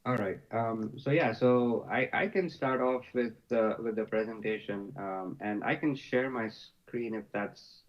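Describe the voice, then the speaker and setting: A man presenting as a consultant over a video call, halting with many fillers and restarts. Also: lowish voice. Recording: dull lo-fi video call audio.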